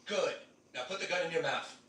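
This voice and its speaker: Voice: mid-range voice, brisk, noisy background, natural voice. A performer playing a stern, furious lecturer who menacingly preaches at children in a mock public-safety skit. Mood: commanding. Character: stern, furious lecturer warning children about internet memes. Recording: echoey, distant playback with music.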